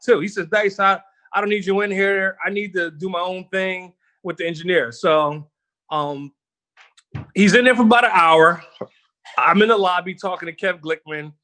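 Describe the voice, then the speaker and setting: High, bright-voiced man telling stories. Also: moderate pace. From Philadelphia. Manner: animated, laughing storyteller who swears freely. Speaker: guest, rapper. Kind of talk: casual storytelling interview. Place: home kitchen while cooking.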